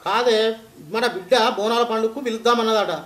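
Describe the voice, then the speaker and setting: A man's voice: high-pitched, fairly even intonation, a little fast, fairly bright tone. A man playing an anxious Telangana village father. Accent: Telangana Telugu. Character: worried village father, protective of daughter. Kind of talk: village family drama acting.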